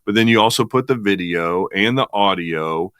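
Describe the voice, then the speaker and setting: A man's voice: lowish voice, moderate pace, fairly bright tone, smooth, no echo, clean studio sound. Upbeat Midwestern man on a podcast. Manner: enthusiastic, rambling with restarts. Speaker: podcast co-host. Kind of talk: casual podcast chat.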